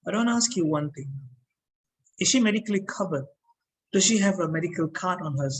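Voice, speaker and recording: A man voicing a calm hospital caller. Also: sits high, rough recording. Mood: reassuring. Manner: calm, reassuring, measured. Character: calm hospital staff member giving bad news.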